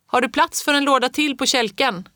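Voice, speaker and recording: A woman's voice: sits high, no echo, studio quality, voice pushed up. A woman reading the part of a cheerful, friendly shopkeeper woman who calls out with raised voice. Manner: bright, calling out, cheerful.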